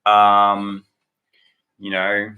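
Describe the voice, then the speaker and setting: A man's voice: on the low side, monotone, extremely slow, narrow, tinny audio. An Australian man hosting a live stream, chatting loosely with many fillers and restarts as he greets viewers and reads out their comments. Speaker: livestream host.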